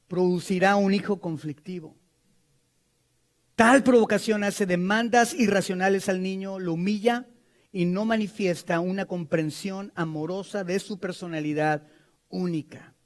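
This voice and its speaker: Middle-aged Mexican man, high voice, sermon delivery with playful asides and acted-out quotes. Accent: Mexican Spanish. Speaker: preacher.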